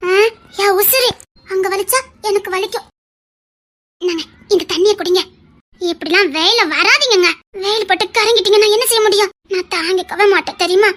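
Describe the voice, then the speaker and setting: A woman's voice: very high voice, fairly quick, fairly bright tone. A woman with a Tirunelveli accent playing a young lover who fusses over him and scolds him tenderly. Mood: fussing, doting. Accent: Tirunelveli Tamil. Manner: scolding, fussing, affectionate. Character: young woman Anandhi, doting and fussy lover. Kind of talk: web series drama.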